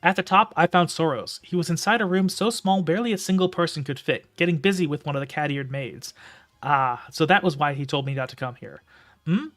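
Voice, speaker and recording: A man's voice: on the high side, a little fast, fairly bright tone. A man streaming live, reading a novel aloud and commenting casually in a rambling way with filler words.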